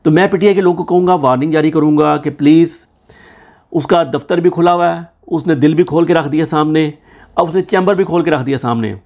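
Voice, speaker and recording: A man's voice: fairly high pitch, brisk, darkish tone. A man with a Pakistani Urdu accent giving sarcastic political news commentary, hosting his own channel. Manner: sarcastic, mocking.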